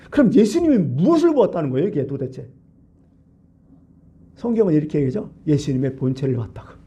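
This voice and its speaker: A man pastor preaching a colloquial, lively sermon in a church, full of rhetorical questions to the congregation. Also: sits high, slightly rough. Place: church sanctuary.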